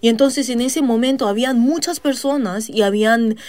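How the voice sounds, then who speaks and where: A woman preaching a sermon. She retells a Bible story at a measured pace, pausing often to hesitate and asking her listeners questions. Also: on the high side, a little mellow, dry recording. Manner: measured, with frequent hesitant pauses.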